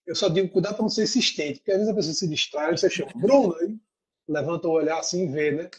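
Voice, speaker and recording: A man's voice: fairly high pitch, fast, breathy edge, poor audio. A man, a lawyer, giving practical advice in an interview and explaining step by step. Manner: didactic, explains in lists. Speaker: lawyer guest.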